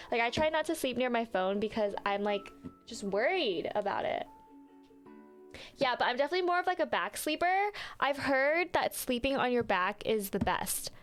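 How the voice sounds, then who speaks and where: A young woman with a slightly high voice chats casually on a livestream, rambling with lots of fillers and quick apologies. Faint music plays behind her. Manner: chatty, apologetic, frequent fillers. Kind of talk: casual live-stream chat. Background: faint background music.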